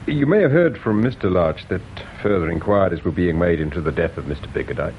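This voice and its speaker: An actor playing a patient provincial police inspector who questions people gently and measuredly in a radio drama. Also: male voice, sits low, lively intonation, slight background noise. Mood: probing. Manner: measured, gently probing, hesitates with "uh". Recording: dull lo-fi radio recording.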